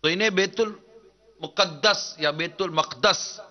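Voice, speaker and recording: A man preaches a devotional sermon, declaiming each line with earnest, measured weight. His voice sits a little high. The recording is dull and lo-fi.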